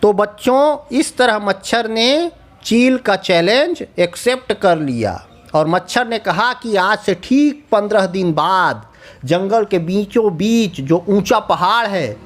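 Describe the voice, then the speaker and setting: A man narrating a children's cartoon story, often pausing to ask the young listeners questions. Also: high voice, a bit bright. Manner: asks the children questions, sing-song.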